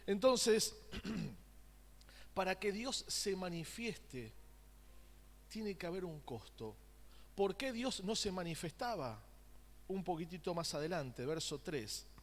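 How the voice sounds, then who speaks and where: A pastor preaches from the pulpit in a long, echoing church hall. His voice sits high for a man, and he keeps the congregation involved with call-and-response questions and wry asides. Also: sing-song, slow pace, long pauses. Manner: joking, conversational asides. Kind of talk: sermon. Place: church sanctuary.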